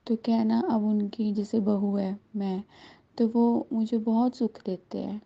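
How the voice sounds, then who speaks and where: A woman's voice: medium pitch, level tone, unhurried, creaky. A woman in her thirties giving an earnest personal testimony to a devotional gathering, slipping English words into her speech. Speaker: satsang devotee sharing a blessing. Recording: dull lo-fi recording.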